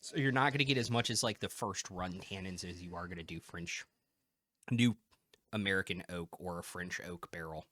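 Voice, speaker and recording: A man's voice: deep voice, moderate pace, a bit bright, no echo. A man in his thirties hosting a casual whiskey tasting, chatty and enthusiastic as he describes the flavors. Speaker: whiskey review host.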